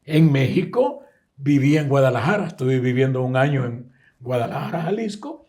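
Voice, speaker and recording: A man's voice: medium pitch, moderate pace. An older man from El Salvador with a Salvadoran accent, telling stories in a casual interview. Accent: Salvadoran Spanish. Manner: lively storyteller who acts out the people he quotes. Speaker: guest musician.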